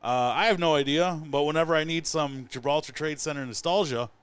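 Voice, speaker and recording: A man's voice: a little high, brisk, fairly bright tone, smooth. A man, co-hosting a casual talk show in a wry, teasing way and laughing often. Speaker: co-host. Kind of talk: casual chat.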